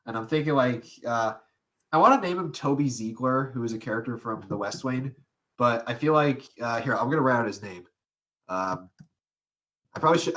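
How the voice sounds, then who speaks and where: A man's voice: mid-range voice, a bit bright. A young man co-hosting a casual podcast, rambling with lots of fillers, restarts and frequent laughs. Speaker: podcast co-host. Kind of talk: casual chat.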